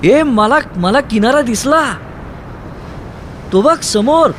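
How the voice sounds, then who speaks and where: A man voicing a desperate young man who shouts frantically over a storm at sea, in an audiobook reading. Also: extremely high pitch, lively intonation, takes it slowly, voice pushed up, exaggerated voice. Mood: frantic. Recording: noisy with surf and wind.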